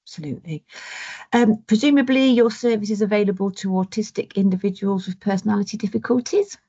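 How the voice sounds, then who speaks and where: A woman's voice: medium pitch, fast talker, mellow, slightly rough. A woman hosting an online webinar, reading out audience questions and thanking the speakers. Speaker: webinar host. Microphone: video call. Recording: dull lo-fi call audio.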